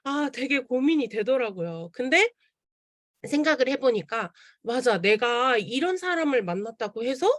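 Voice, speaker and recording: A young woman tells her own story at an online seminar, earnest and animated. Her voice sits fairly high and rises and falls a lot as she acts out what others said. The sound is dry and close, as over a video call. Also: moderate pace, no echo. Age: young adult. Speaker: seminar speaker. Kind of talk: testimonial talk at an online seminar.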